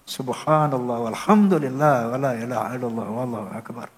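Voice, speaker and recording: A man's voice: medium pitch, brisk. An older man telling a personal story to a cleric in an earnest, devout way, often breaking into religious exclamations. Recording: long hall reverb.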